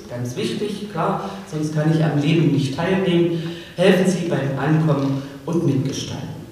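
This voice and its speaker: A woman's voice: sits low, darkish tone. A woman minister giving a formal ceremonial address, with a few small repetitions. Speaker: government minister. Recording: echoey hall from far off.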